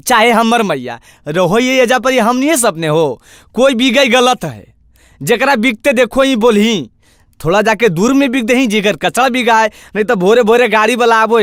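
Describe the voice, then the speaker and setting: A man's voice: extremely high pitch, lively intonation, moderate pace, a bit bright, dry recording, clean studio sound. A man with a Magahi accent acting in a village comedy skit, scolding and exclaiming at the people around him. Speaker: comic actor and singer.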